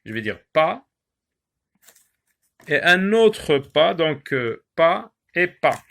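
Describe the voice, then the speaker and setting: A male teacher giving a lesson on syllables, repeating words slowly and pausing often with hesitations. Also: on the high side, very animated, vocal fry, a bit bright. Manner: slow, drawn-out word repetitions with many "euh" pauses. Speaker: primary school teacher.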